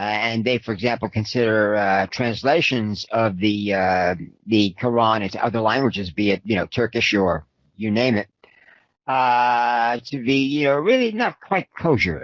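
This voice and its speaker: A man's voice: medium pitch, dry recording, highs cut off. A man co-hosting a discussion show, explaining in long rambling sentences with frequent fillers. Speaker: podcast co-host, analyst. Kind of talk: casual discussion.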